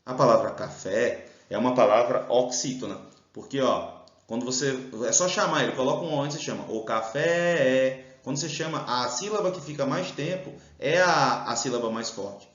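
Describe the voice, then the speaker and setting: Brazilian male teacher in a roomy room. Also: mid-range voice. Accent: Brazilian Portuguese. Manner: explains step by step, drawn-out stressed syllables. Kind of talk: exam-prep grammar lesson. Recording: roomy, slightly dull sound.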